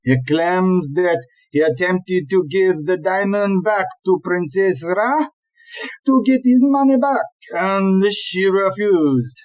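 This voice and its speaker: An actor gives an animated, emphatic rant as a blustering, exasperated chief police inspector in a comic audio play, explaining with indignation. His male voice is high with a darkish tone, and the recording sounds muffled.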